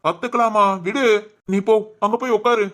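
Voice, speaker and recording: Brief: a woman playing a calm young man, soothing and firm, voiced fairly high. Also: moderate pace, lightly acted. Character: calm protective young man, office worker.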